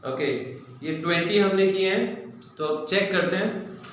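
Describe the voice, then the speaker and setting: A man teaching a quick mental math drill, dictating numbers briskly and repetitively. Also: high-pitched, steady tone, fairly bright tone. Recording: echoey room, faint ambient noise.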